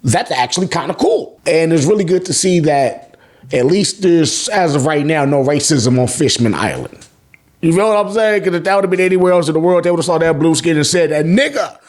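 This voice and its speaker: Reviewing manga chapters on YouTube, this American host talks in a brisk, expressive voice that sits a little high and sounds slightly mellow. He keeps things informal and profane, slipping into character voices to act out their lines.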